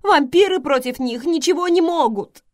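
A woman reading an audiobook, voicing a hysterical, tearful female vampire who talks shrilly and loudly, close to crying. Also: big pitch swings, a little slow, dry recording. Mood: desperate. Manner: shrill, loud, near tears.

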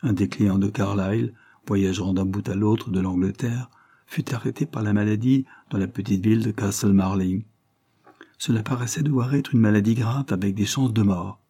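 A man reading a classic novel aloud as an audiobook in measured scripted narration. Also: fairly low pitch, fairly even intonation, mellow, slightly rough. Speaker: audiobook reader.

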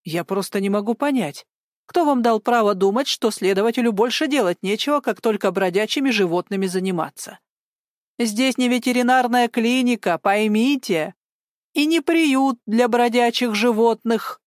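A woman's voice: fairly high pitch, normal speed, no echo, close to an everyday voice. Brief: put-upon young sergeant, read by a woman, exasperated and whiny, dry studio sound.

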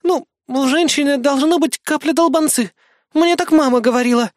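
A squeaky, gushing girl who bounces between giddy excitement and sheepish guilt, as the reader takes her on. Her voice sits far above the narrator's and is heard dry and close, with no room around it. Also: moderate pace, no room sound, close to an everyday voice. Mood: cheeky. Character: excitable clumsy young woman, childish and giggly.

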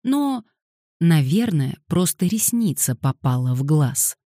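Brief: storybook figure, sensible boy friend, read by a woman, firm, calm delivery. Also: deep voice, takes it slowly, dry recording, clean studio sound, full character voice. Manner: firm and soothing.

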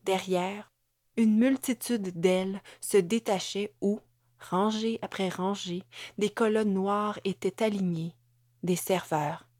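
Woman reading a novel out loud, slow steady pace, dry close mic, mid pitch. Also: dry recording. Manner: measured, even storytelling. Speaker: audiobook narrator. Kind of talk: scripted narration.

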